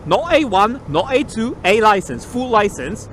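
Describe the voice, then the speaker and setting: A man talks inside a motorcycle helmet as he rides, his voice a little higher than most men's. He rambles casually, repeats his key points and swears freely. Faint road noise sits behind him. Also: sing-song, unhurried, a bit bright. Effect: talking inside a motorcycle helmet. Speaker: motorcycle vlogger. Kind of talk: casual chat while riding. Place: on a motorcycle in city traffic, outdoors.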